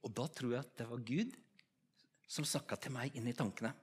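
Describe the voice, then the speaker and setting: A man's voice: medium pitch, slightly rough. A man with an Eastern Norwegian accent preaching a story-driven sermon, talking conversationally and putting direct questions to his audience.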